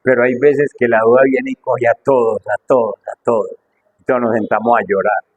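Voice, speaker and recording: Speaking briskly with little pitch movement, a middle-aged man preaches with fervour, though his voice still swings widely in loudness and pitch. He asks the congregation rhetorical question after rhetorical question, and the recording has its highs cut off.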